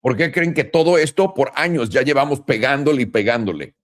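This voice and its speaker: A man with a Mexican Spanish accent rants to the camera as a crypto trading commentator. He talks in a blunt, profane and sarcastic way, in a voice of ordinary middle pitch. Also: a little fast. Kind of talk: casual ranting monologue.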